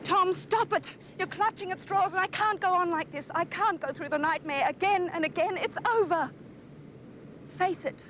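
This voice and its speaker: A woman's voice: a little high, normal speed, lightly acted. An actress playing a weary, anguished woman in a television drama. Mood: distraught. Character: weary, anguished woman refusing a pleading man. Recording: loud boat engine and outdoor noise.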